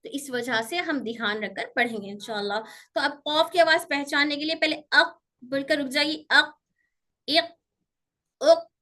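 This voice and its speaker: A woman teaching pronunciation to children, explaining slowly and drilling sounds by repeating them, strict when pupils misbehave. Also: high voice, bright, forceful tone. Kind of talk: online Quran pronunciation lesson.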